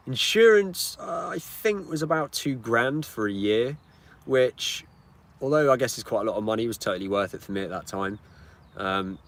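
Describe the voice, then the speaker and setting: A man's voice: lowish voice, fairly bright tone. A British man in his twenties, chatting casually through a live-stream Q&A beside his car and answering viewer questions. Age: 20s. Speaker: channel host. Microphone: camera on a tripod. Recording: outdoor street and engine noise. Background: car engine and outdoor ambience.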